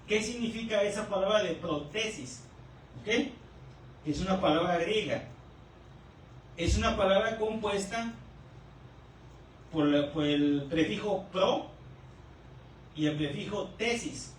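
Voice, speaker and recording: A male pastor preaching a teaching sermon, who keeps checking in with the congregation and repeats key words slowly. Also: sits high. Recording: echoey room, distant mic, faint noise.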